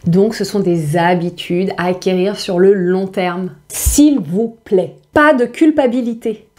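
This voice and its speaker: A woman's voice: mid-range voice, a little slow, a little mellow. A middle-aged woman dietitian speaking straight to camera, emphatic, with rhetorical questions and playful asides. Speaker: dietitian giving nutrition advice. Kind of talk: direct-to-camera advice video.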